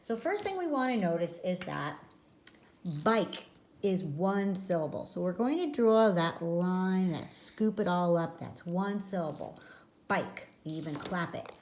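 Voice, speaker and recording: A woman teaching a phonics lesson to young children, speaking slowly, clearly and patiently. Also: fairly low pitch, lively intonation, darkish tone, a little hiss or hum. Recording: echoey room.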